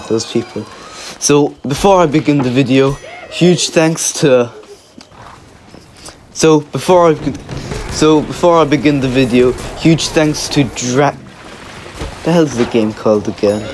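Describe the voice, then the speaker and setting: A man's voice: mid-range voice, darkish tone, a little hiss or hum. Playful rambling male storyteller. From Egypt. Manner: rambling, playful, self-correcting. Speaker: YouTube gaming host. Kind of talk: casual storytime narration.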